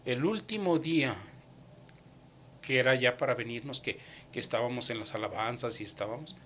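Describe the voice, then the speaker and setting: A man giving a personal faith testimony, retelling conversations with lively, acted-out dialogue and dropping English words into his speech. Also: medium pitch, normal speed, a little hiss or hum.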